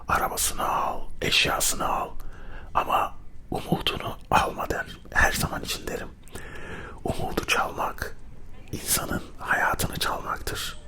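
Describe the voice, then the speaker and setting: A man from Turkey speaking in a hushed whisper, narrating an ASMR travel vlog in a reflective, unhurried way. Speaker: vlogger.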